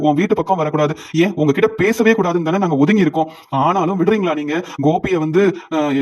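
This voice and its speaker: A man reading an angry older mother, fast. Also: fairly high pitch, darkish tone, lightly acted. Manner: scolding, reproachful. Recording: dull lo-fi audio.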